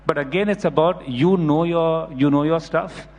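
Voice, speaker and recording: A man's voice: fairly high pitch, moderate pace. A middle-aged man speaking on a panel in an emphatic, lecturing way, often checking in with "right?". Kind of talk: panel discussion. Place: conference hall. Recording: reverberant conference hall.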